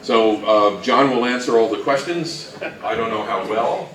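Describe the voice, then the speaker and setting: A man of medium pitch and fairly bright tone presents informally on a panel, keeping a moderate pace and making dry, self-deprecating jokes. He was recorded from afar in an echoey indoor event room with the audience present.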